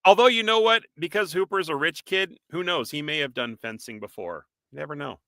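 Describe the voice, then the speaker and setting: A man with a Boston accent co-hosting a live-stream podcast, chatty and animated, reading out viewer comments and quizzing his co-host. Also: on the high side, fairly quick, no room sound. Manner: animated, reads out viewer comments, laughs often. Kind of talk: casual live-stream chat.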